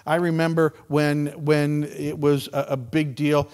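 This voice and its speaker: A man preaches to his congregation, unhurried and folksy, with a slightly high voice. His words ring out in a church sanctuary with long reverb. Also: flat delivery, a little mellow, smooth. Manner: conversational and folksy, with some repetitions. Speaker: pastor. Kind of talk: sermon. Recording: long reverb of a large hall.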